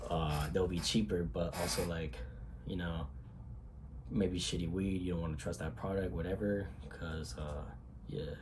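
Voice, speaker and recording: Young man, very low voice, congested with a cold, rambling casual vlog talk, lots of fillers, faint room noise. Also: fairly even intonation, a little slow, darkish tone. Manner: rambling, loose, swears casually, many fillers. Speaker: vlogger.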